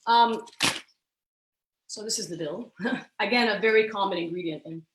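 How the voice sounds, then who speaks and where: A woman teaches a live online cooking class from her home kitchen and shares her story along the way. Her mid-pitched voice rings around the echoey room. She explains carefully and often restarts her thoughts with ums. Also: normal speed, background noise. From born in Kuwait, raised in Saudi Arabia. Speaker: cooking instructor.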